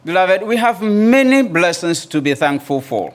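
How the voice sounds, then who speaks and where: Slow, measured male preacher. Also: sits high, very animated. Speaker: guest pastor. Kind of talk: sermon.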